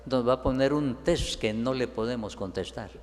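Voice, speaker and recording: A man preaching a sermon as a priest, whose voice rises higher and stronger when he quotes biblical figures. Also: moderate pace. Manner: preaches with rising pitch and force when quoting biblical figures. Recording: long reverb in a large hall.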